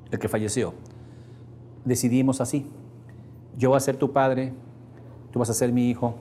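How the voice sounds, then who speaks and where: Animated Mexican motivational speaker. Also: male voice, mid-range voice, a little hiss or hum. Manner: animated, storytelling, asks the audience questions. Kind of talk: motivational seminar talk.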